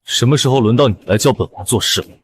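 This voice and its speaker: An actor playing a ruthless young prince who speaks curtly and commandingly. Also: male voice, mid-range voice, quick pace, slightly rough, natural voice. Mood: cold. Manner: curt, commanding.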